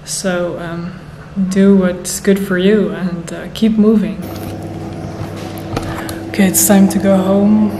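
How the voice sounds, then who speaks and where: A woman in her thirties talking casually to the camera, thoughtful and unhurried, pausing with fillers. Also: medium pitch, flat delivery. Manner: slow, thoughtful, with pauses and fillers. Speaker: vlogger. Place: bright room indoors. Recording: echoey room, faint noise.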